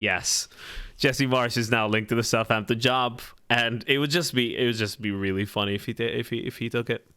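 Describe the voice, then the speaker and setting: Male co-host, mid-pitched casual chatter, fillers and repeats, dry close mic. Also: fairly even intonation, brisk, sharp tone, clear, resonant tone, dry recording. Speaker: podcast co-host. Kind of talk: casual chat.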